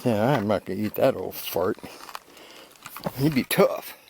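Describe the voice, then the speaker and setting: A man's voice: fairly low pitch, animated, measured pace, gravelly. A man voicing a mountain lion who grumbles wryly that the old hiker would be too tough to eat. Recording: loud outdoor noise.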